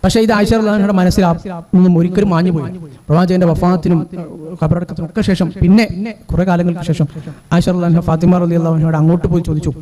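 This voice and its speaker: A man's voice: high-pitched, fairly even intonation, rapid-fire, crowd noise. A man giving a weekly religious lecture, who recites Arabic hadith passages and then explains them. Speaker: Islamic lecturer.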